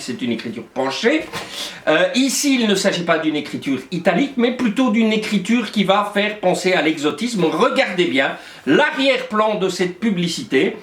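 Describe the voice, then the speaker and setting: A man's voice: sits high, a bit bright, roomy sound. A male teacher explaining a lesson in a playful way, with frequent hesitations. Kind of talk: classroom lesson.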